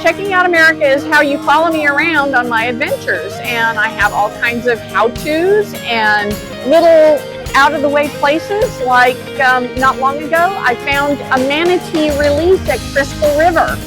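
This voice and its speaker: A woman from the Czech Republic, a travel adventurer and speaker, answers interview questions openly and earnestly. Her voice sits high, her pace is moderate, and music plays underneath.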